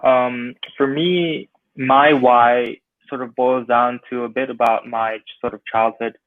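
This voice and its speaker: A man's voice: mid-range voice, steady tone, takes it slowly, slight background noise. A young man from Hong Kong, a startup founder on a panel, answering reflectively with many fillers and restarts. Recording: dry tinny phone-like line.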